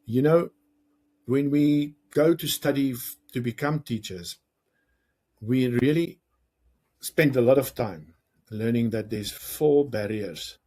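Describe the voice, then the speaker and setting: South african guy coaching parents, kinda raspy, chatty and animated. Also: medium pitch. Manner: lively, conversational, jokes and acts out quoted lines. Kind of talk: educational talk to camera.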